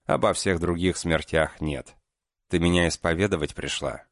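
A man reading an audiobook and voicing a curt, withdrawn young killer in his own very deep voice. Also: moderate pace, a bit bright, dry recording, studio quality. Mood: grim. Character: grim young male killer, guilty and terse. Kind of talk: audiobook character voice.

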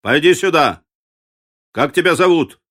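A man voicing a grim, gruff frontier trapper in a low, hushed voice in an audiobook. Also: measured pace. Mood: calling out. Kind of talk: audiobook character voice.

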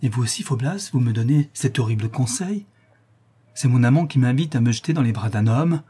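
A man voicing a young noblewoman in love, reading an audiobook of a classic novel with a soft, pleading delivery. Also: mid-range voice, expressive, brisk, husky. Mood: anguished. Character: young noblewoman, tender and impassioned lover.

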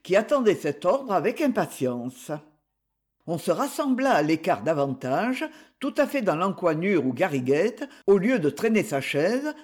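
A man reading a novel aloud with a high-pitched voice that rises and falls freely. He takes his time over the sentences and gives each character a voice of his own. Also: darkish tone, breathy edge. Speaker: audiobook reader.

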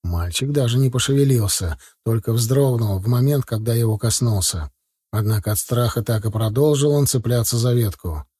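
A man narrating a first-person audiobook in a steady, plain storytelling manner. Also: mid-range voice, moderate pace, slightly rough, dry recording, clean studio sound.

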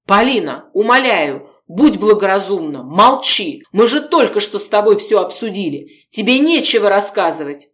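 Audiobook reader: a woman voicing a forceful, insistent man who pleads and shouts. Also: mid-range voice, very animated, drawn-out words, few pauses, full character voice. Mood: agitated. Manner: forceful, pleading, raising his voice. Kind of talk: audiobook character reading.

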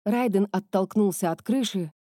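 A woman narrating a fantasy novel as an audiobook in a steady storytelling manner. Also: medium pitch, normal speed, no room sound, clean studio sound.

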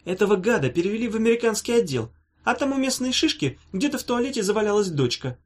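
A man reading a storybook voices a sharp-tongued, scornful young woman with a mocking, sarcastic manner. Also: mid-range voice, very animated, fast, pitched above the performer's own voice. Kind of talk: audiobook character voice.

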